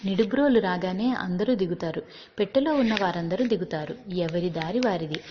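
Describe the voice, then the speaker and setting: A woman voicing an elderly grandfather, weary and impatient, speaking lower and softer, in a dull recording with long reverb. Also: lively intonation, fairly quick, slight background noise, close to an everyday voice.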